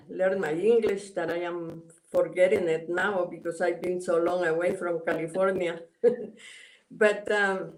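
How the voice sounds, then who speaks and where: Woman, Spanish accent, unhurried, hesitant with fillers, video call. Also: mid-range voice, a little mellow, poor audio. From El Salvador. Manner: hesitant, many filler sounds and restarts. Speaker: guest, Mayan elder. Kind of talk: casual interview over a call. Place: home in Guatemala.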